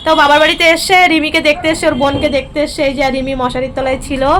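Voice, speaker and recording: A middle-aged woman, a mother vlogging in a hurried, chatty way with many fillers. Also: sits high, flat delivery, fairly bright tone, a little hiss or hum. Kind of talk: casual vlog narration.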